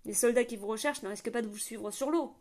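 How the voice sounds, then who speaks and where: A woman's voice: a little high, quick pace, darkish tone, close to an everyday voice. Woman voicing a hearty rebel prince. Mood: jovial. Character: rebel prince, hearty bearded older man.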